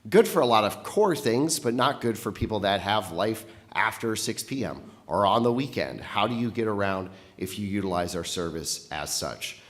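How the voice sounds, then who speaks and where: A man's voice: fairly low pitch, lively intonation, moderate pace, hardly any pauses, a bit bright. A man presenting a year-end update to a county board, slightly out of breath from a cold, earnest and upbeat with frequent fillers. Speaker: county transit executive director presenting. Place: public meeting room.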